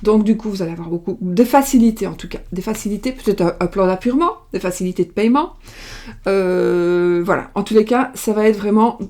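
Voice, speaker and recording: A middle-aged woman from France lays out cards and talks through a casual reading. Her voice is mellow and soft, never sharp. She rambles, circles back and trips over her words with plenty of fillers. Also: mid-range voice, a little fast. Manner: rambling, many fillers and restarts. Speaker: tarot card reader. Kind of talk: casual card-reading livestream. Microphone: webcam or desk mic, video call style.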